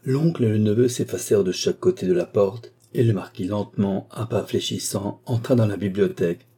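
A man narrating an audiobook in a measured, deliberate manner. His voice is very dark and mellow, with a husky edge, set fairly low. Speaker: audiobook reader.

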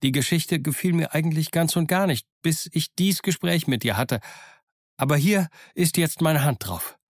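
An honest young sailor, eager and easily won over, as a man reads him. The voice is lifted well above the reader's usual pitch. It is close and dry, like a storybook youth. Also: moderate pace, no room sound. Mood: earnest.

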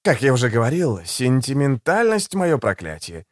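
Guy reading doing a smooth smug killer, low and quiet, rolls his words around, dry booth. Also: sing-song, normal speed, no echo, lightly acted. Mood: silky, ironic. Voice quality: soft, silky and condescending. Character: suave sardonic male assassin, low and smooth. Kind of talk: audiobook character voice.

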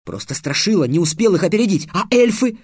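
Мужчина, читающий аудиокнигу, озвучивает юного ученика, робкого поначалу, а затем страстного и обличающего. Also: male voice, high voice, sing-song, fast, breathy edge, dry recording, studio quality, pitched above the performer's own voice, exaggerated voice. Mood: excited. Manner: timid at first, then impassioned and accusing. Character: young male apprentice, a nervous boy turned fiery orator. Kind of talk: audiobook character voice.

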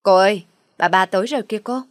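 A naive young maid, cheerful and eager, chattering quickly to her mistress, as a woman reads her. The voice is dry and close, pitched at an ordinary height for a woman. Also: no echo, lightly acted.

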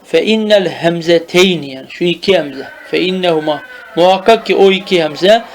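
Drilling grammatical terms at a slow pace, a man teaches Arabic the traditional madrasa way, stopping to confirm the student keeps up. His voice sits high, and there is a slight hiss or hum.

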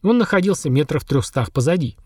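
A man narrating an audiobook in a steady, even reading style. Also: fairly high pitch, a little fast, husky, no room sound, studio quality. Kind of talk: scripted narration.

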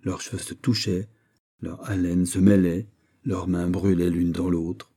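A man narrating a classic novel in a measured, calm literary reading. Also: low voice, husky. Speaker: audiobook narrator.

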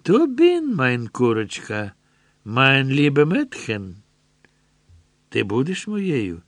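A man voicing a leering, menacing middle-aged German soldier who speaks in broken, German-accented words, slow and mocking. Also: fairly high pitch, no echo, pitched above the performer's own voice, exaggerated voice. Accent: broken German-inflected speech.

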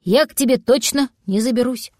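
Casual: lady voicing a grumpy worried tomcat, stubborn but soft, dry close voice. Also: a little high, normal speed, no echo, lightly acted. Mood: grumbling. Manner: grumbling, worried. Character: fretful male cat, stubborn and soft-hearted.

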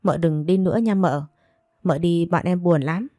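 A woman doing excited young servant girls. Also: lowish voice, normal speed, dry recording, clean studio sound, close to an everyday voice.

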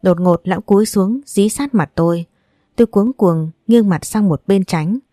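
A woman reading a novel aloud in first person, in a steady, even storybook narration. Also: medium pitch, moderate pace, dry recording, clean studio sound. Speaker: audiobook narrator.

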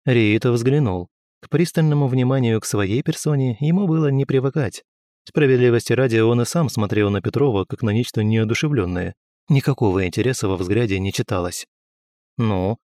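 A man reading a story aloud in measured, even scripted narration. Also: mid-range voice, dry recording, clean studio sound. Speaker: audiobook reader.

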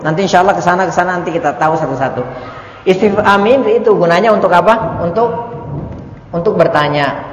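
A man teaches an Arabic lesson to a religious study group, patient and chatty, laughing often. His voice sits fairly high, and he acts out little question-and-answer exchanges. The recording carries the long ringing echo of a hall. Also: slight background noise. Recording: echoey room recording.

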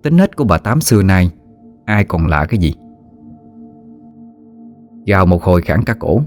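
Male storyteller, low voice, varied melodic delivery, ghost story, soft music behind. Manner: expressive storytelling. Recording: faint background music.

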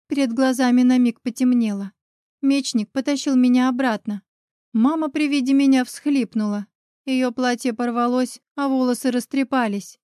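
A woman reading a first-person fantasy story aloud in an expressive storytelling way, close to the mic. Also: sits high, no room sound. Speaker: audiobook narrator. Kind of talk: scripted fantasy narration.

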